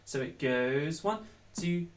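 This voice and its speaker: A man's voice: fairly high pitch, animated, slow pace, noisy background. A man leading an online singing lesson, counting in and singing lines to demonstrate. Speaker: choir leader. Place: home room. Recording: roomy, distant mic with backing music.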